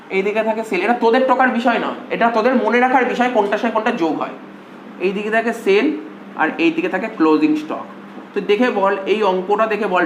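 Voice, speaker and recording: ক্লাসে হিসাবশাস্ত্র পড়াচ্ছেন এক পুরুষ শিক্ষক, বারবার একই কথা বলে ছাত্রদের প্রশ্ন করে বোঝান, কথায় বাংলা টান।. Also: male voice, high-pitched. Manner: coaxing, repetitive, asks students questions. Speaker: accounting tutor. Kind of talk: classroom lecture. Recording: echoey room, faint hum.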